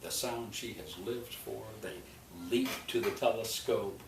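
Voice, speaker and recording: Deep-voiced opera director, storytelling with feeling, echoey room, mic far off, noisy. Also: male voice, creaky. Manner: expressive storytelling, slowing on key images. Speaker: opera general and artistic director. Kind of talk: explaining an opera plot in an interview.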